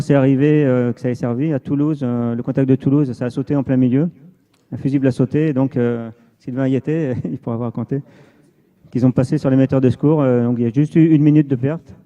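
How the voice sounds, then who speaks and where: A man giving an informal technical presentation as an amateur radio volunteer, explaining and repeating points for emphasis. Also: mid-range voice. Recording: dull, muffled lo-fi sound.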